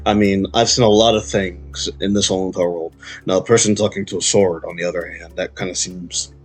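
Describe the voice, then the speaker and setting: A wary, blunt adventurer who doesn't trust strangers, voiced by a man in a lowish, plain voice. Faint music plays behind him. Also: steady tone, brisk, low-quality recording. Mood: skeptical. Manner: blunt and skeptical. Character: wary, blunt male adventurer named Drift.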